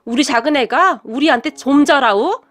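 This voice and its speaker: Brief: blunt, scheming older mother-in-law, scolding tone, high-pitched read by a woman narrator. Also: normal speed, close to an everyday voice.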